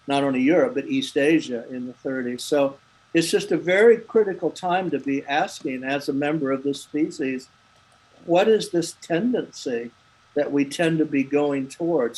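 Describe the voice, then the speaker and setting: A man's voice: fairly high pitch, darkish tone, poor audio. A man speaking earnestly and thoughtfully on a video call, restarting phrases as he goes. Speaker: panelist. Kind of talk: casual online talk.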